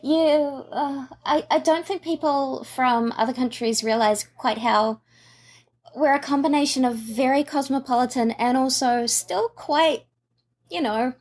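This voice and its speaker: A woman with a New Zealand accent, a costume maker talking in a casual, relaxed interview and often saying "yeah". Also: high voice, unhurried. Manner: relaxed, agreeable, frequent "yeah" affirmations.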